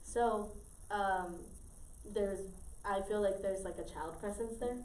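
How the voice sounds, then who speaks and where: A woman's voice: mid-range voice, takes it slowly, darkish tone, faint music behind. A teenage girl casually telling a story to friends, rambling with lots of fillers and restarts. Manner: rambling, many fillers and repeats. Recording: roomy, far from mic, faint noise.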